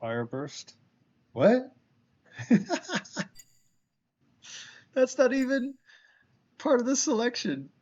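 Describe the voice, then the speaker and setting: While gaming, a man with allergy congestion chats casually to his viewers and weighs his choices aloud. He speaks very slowly with long pauses in a very high-pitched, sing-song, slightly mellow voice, and the audio sounds dull.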